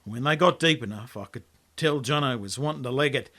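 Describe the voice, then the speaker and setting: An Australian man narrates his own story as a laconic first-person yarn, colloquial in style. His medium-pitched voice moves a little fast and sounds pushed and bright.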